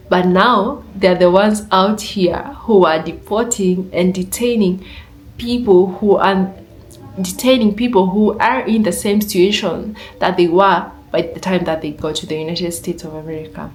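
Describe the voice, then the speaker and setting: A woman giving reaction commentary in an earnest, indignant way, building her argument point by point. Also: fairly low pitch.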